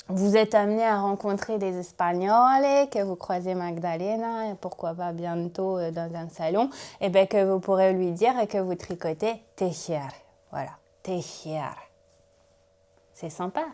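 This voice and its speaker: A woman's voice: medium pitch, a little mellow. A woman hosting a knitting podcast, talking casually and chattily to her viewers, often laughing at herself. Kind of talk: casual chat to camera.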